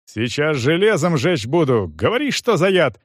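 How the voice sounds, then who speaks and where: A man doing a bullying rough interrogator. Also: fairly high pitch, very animated, moderate pace, no echo, clean studio sound, pitched above the performer's own voice. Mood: menacing. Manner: harsh, bullying. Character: rough menacing male interrogator, shouting threats.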